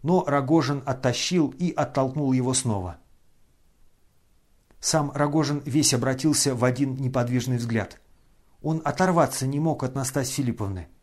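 A man reading a classic novel aloud as an audiobook narrator, in measured, expressive storytelling. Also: mid-range voice.

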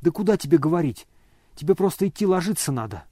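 A man's voice: on the high side, big pitch swings, quick pace, warm tone, no echo, clean studio sound. A man voicing an indignant older noblewoman who scolds and exclaims. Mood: alarmed.

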